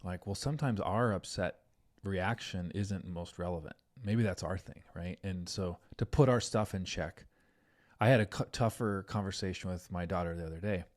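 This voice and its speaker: Man, middle-aged, parenting podcast host, lowish voice, earnest, chatty storytelling. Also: moderate pace. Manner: earnest, animated storytelling with many "like"s. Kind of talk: casual podcast conversation.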